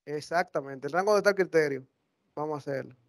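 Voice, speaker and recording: High-voiced man teaching. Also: fast talker, no echo, clean studio sound. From Dominican Republic. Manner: conversational, corrects himself mid-sentence. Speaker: workshop instructor. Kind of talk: live software tutorial. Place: classroom or lecture hall.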